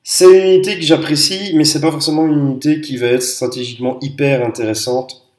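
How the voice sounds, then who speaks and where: A man giving a casual spoken review of tabletop wargame units, pausing often with fillers and restarts and sharing strong opinions. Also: fairly high pitch, fairly even intonation, a little mellow. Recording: echoey room.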